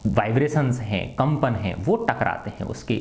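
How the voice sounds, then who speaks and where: A man's voice: medium pitch, lively intonation, normal speed, creaky, faint music behind. A middle-aged man teaching a science lesson to students, often asking a question and answering it himself, and tagging his sentences with a short check for agreement. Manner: asks and answers his own questions, repeats "है ना". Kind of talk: classroom lecture to students.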